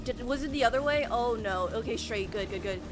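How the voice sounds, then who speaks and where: A woman giving gameplay commentary, muttering encouragement to herself in an excitable way. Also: fairly high pitch, fairly quick, very noisy. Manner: self-coaching, excitable muttering. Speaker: gamer reacting.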